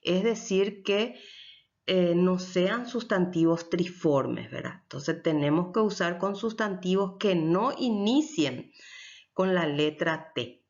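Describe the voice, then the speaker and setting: A woman teaching Guaraní grammar in a lecture, explaining slowly and often checking with her listeners. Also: fairly low pitch, expressive, a little mellow. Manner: switches between Spanish and Guaraní. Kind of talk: recorded language lecture. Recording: dull lo-fi recording.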